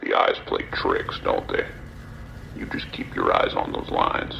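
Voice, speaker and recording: In a horror audio drama, a man voices an eerie trucker who is morbidly fascinated, savoring each phrase with a slow, unhinged calm. His mood is sly and ominous, heard over a muffled CB radio with faint noise.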